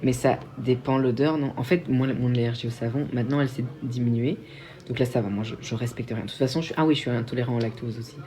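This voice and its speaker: A man's voice: medium pitch, steady tone, quick pace, warm tone. A young man from Belgium, hosting a casual livestream and answering viewer questions in a chatty, self-mocking way with frequent restarts. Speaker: livestream host.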